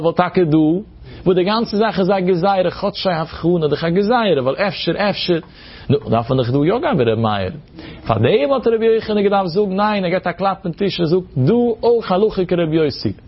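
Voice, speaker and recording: A man's voice: fairly high pitch, husky, muffled recording. A man teaching a Talmud lesson in a sing-song explanatory cadence, mixing in Hebrew terms. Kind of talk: Talmud study lecture.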